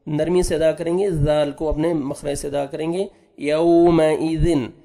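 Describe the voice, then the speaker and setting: A man teaching Quran recitation, patiently spelling out letters and sounds, then drawing out each recited word slowly. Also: a little high, fairly even intonation, gravelly, dark tone. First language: Urdu.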